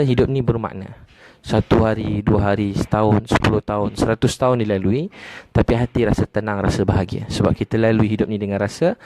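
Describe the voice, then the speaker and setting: A man with a Malaysian Malay accent giving a religious lecture, repeating his points in a gently emphatic way and dropping to soft lows. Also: no room sound. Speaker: preacher.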